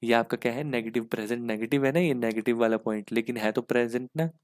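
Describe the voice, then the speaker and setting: A man's voice: mid-range voice, fairly even intonation, fast talker, no echo, clean studio sound. A man teaching an exam-prep English grammar lesson, explaining step by step and asking "ठीक है?" again and again.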